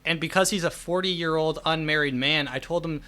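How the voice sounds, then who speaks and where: A man's voice: a little high, fairly quick, pushed and bright. A young man hosting a podcast, chatting casually and telling stories in a joking, teasing manner. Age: young adult. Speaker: podcast host. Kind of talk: casual chat.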